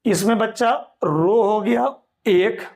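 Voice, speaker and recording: A man teaching a maths class, slowly dictating problems and patiently explaining solutions to students. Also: sits high, darkish tone. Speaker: mathematics teacher. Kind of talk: classroom lecture.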